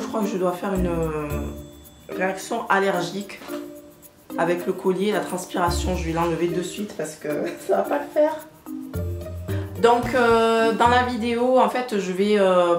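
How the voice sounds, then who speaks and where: A woman vlogging casually to camera about clothes she ordered, chatty and full of hesitant fillers, hot and sweating. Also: fairly low pitch. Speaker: fashion vlogger. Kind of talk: casual haul vlog to camera. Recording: roomy, faint background hum.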